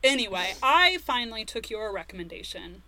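Woman podcast co-host, bright tone, animated casual chat, filler-heavy. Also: a little high, brisk. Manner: animated, lots of "like", quoting herself.

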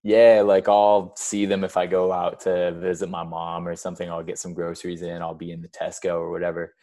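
Laid-back, very deep-voiced man. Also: monotone, fairly quick, mellow. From California. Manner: laid-back, laughs often, says "like" and "dude" a lot. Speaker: podcast guest. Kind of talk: casual chat.

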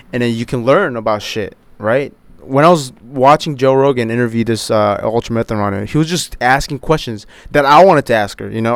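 A man's voice: mid-range voice, smooth, no room sound. A man in his twenties hosting a podcast alone, rambling casually with heavy swearing and lots of fillers. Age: 20s. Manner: rambling, profane, many fillers. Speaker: podcast host. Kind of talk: casual solo chat.

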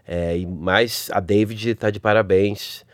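A man speaks in a low voice with a clear Rio carioca accent. He talks informally as a podcast guest, with colloquial turns of phrase, in a close, dry recording. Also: fairly even intonation, takes it slowly, no room sound. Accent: Rio de Janeiro carioca. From Rio de Janeiro, Brazil. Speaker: podcast guest, advertising creative executive. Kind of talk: casual interview chat.

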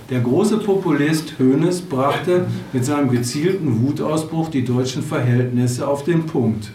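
Author reading aloud in a roomy bar. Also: male voice, medium pitch, a little mellow, a little hiss or hum. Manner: reads with hesitations and fillers. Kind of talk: book reading with asides. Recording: roomy bar, distant mic, faint ambience.

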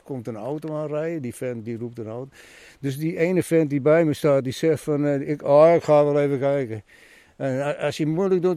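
Interviewee: man, lively and animated storyteller, mid pitch, dry recording. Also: dry recording. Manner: animated storyteller, many restarts, acts out quotes.

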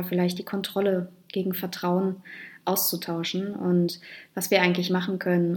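A woman hosting a podcast, talking softly and hesitantly with many fillers as she introduces her show and her guest. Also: fairly low pitch. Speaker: podcast host. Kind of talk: podcast interview.

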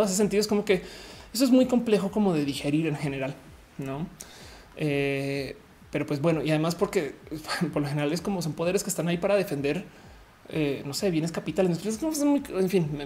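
A Colombian woman living in Mexico hosts a live talk show on a livestream, chatting casually with her audience and rambling with many fillers and restarts. Her voice is deep and warm.

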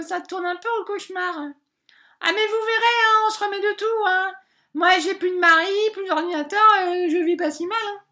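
Brief: a woman playing a hapless female bank adviser, very high bright voice, rambling and hesitant. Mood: apologetic, lonely. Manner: rambling, hesitant, full of filler sounds. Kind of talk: comic character monologue.

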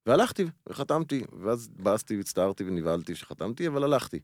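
A man's voice: lowish voice, very animated, darkish tone, no room sound, clean studio sound. A middle-aged man, a TV game show host, telling stories in a casual podcast chat and repeating words while he thinks.

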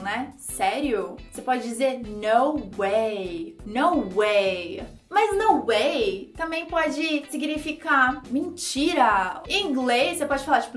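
A woman with a Brazilian accent teaches English slang in a bright, high voice, repeating each phrase and prompting viewers to say it with her. The room is echoey, with soft music underneath. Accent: Brazilian Portuguese. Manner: lively, drills phrases and asks viewers to repeat after her. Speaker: English teacher and channel host. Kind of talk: YouTube language lesson.

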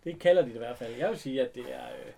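Guy recapping a show casually, gravelly, acts out the lines. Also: medium pitch, a little hiss or hum. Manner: animated retelling, acting out characters' lines. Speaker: recapping a TV episode. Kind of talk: casual chat.

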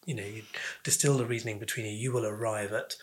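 A man interviewing in a conversational, probing way, phrasing his words deliberately and in careful fragments. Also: lowish voice, fairly even intonation.

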